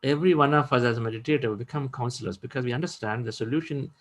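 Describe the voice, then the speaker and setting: A middle-aged man hosts an online meditation session, his voice at an ordinary pitch. He speaks reflectively and encouragingly, circling back on his phrases as he goes. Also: rapid-fire, rough recording. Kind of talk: spiritual talk and hosting.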